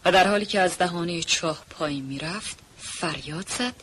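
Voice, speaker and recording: A narrator telling a children's story in an expressive storytelling way, with a husky voice. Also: medium pitch.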